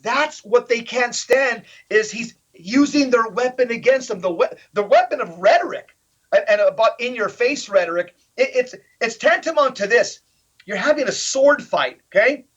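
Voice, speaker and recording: A man with a notably high voice talks emphatically as an interview guest, hammering points home with rhetorical questions. The recording is slightly dull and lo-fi. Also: moderate pace, fairly bright tone, breathy edge. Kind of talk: animated political interview talk.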